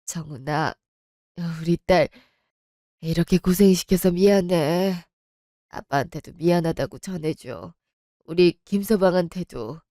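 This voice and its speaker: A woman's voice: measured pace, long pauses, warm tone, dry recording, clean studio sound. Woman voicing a faint dying mother. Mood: frail. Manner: faint, low and weak. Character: dying middle-aged mother, frail and apologetic.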